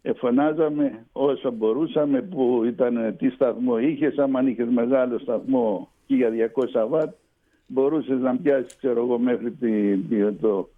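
An older man, a retired ship's officer, telling a personal story as a radio guest, lively with halting restarts. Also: mid-range voice. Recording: tinny phone line on radio.

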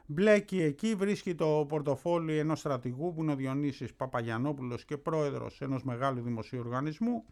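A man's voice: fairly high pitch, few pauses, darkish tone. Chatty male radio host. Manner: chatty, lots of filler "έτσι". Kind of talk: casual chat, presenting a film clip.

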